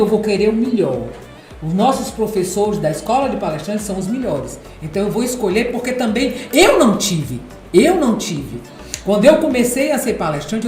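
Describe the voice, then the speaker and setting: Lady hosting a podcast, emphatic, repeats herself, echoey room with faint music. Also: darkish tone. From Ceará, Brazil. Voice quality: deep contralto voice. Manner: emphatic, repeats phrases for effect. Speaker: podcast host and speaking coach. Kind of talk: casual podcast chat.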